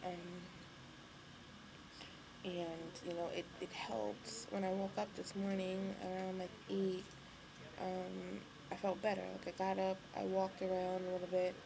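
A young woman speaking casually to camera, tired and weak after surgery, low on energy and hesitant. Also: level tone, a little slow. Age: young adult. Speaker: vlogger. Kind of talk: casual video diary. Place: hospital room. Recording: clearly noisy webcam recording, room ambience.

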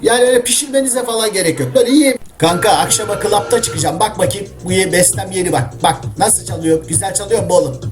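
A man's voice: high-pitched, fast, few pauses, close to an everyday voice. A man voicing cheeky, slangy talking dogs in a comedy voice-over of pet videos. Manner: streetwise, joking, exasperated. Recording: voice-over with loud background music.

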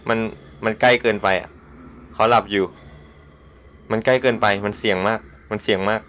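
A man's voice: on the low side, steady tone, moderate pace, a bit bright. A man streaming a horror game, muttering tensely to himself and yelping when startled. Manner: tense whispery muttering, sudden startled yelps. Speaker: gameplay streamer. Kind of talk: live reactions while playing a horror game. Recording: dull lo-fi sound with faint hiss.

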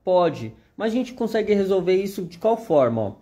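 A man's voice: high-pitched, big pitch swings, normal speed, warm tone. A man with a Brazilian Portuguese accent giving a chatty live sewing machine demonstration, constantly pointing things out to viewers.

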